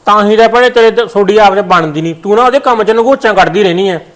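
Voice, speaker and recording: A man playing a son who calms his sister and his wife in a family short film. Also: high voice, fast, natural voice. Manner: soothing, placating. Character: peacemaking son and brother.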